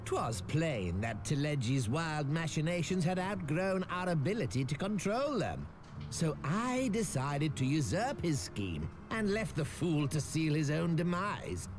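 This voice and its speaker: A man's voice: on the high side, big pitch swings, measured pace. A man playing a smug, scheming merchant magnate in a video game, with a pompous, oily grand-vizier delivery and archaic, formal phrasing. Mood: smug, calculating. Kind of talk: scripted game dialogue, archaic formal diction. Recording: music behind the voice.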